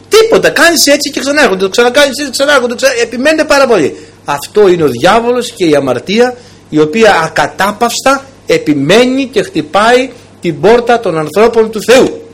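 A male preacher with a husky, slightly breathy voice that sits high for a man. His pitch swings widely as he drives home each point and speaks straight to his flock. He delivers a storytelling sermon with steady emphasis. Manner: emphatic, storytelling delivery with a direct address to the congregation.

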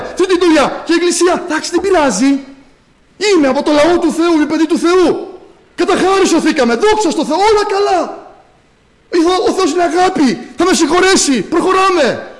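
A man's voice: very high voice, pitched above the performer's own voice, poor audio. A man mimicking a smug worldly churchgoer. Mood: mocking. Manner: mocking sing-song, laughing asides. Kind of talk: sermon parody.

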